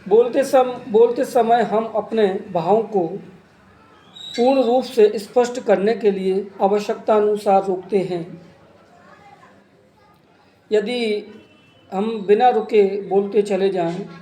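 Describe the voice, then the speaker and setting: High-voiced man teaching slowly. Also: warm tone. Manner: slow, listing terms and examples one by one. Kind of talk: exam-prep grammar lesson. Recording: echoey room with faint ambience.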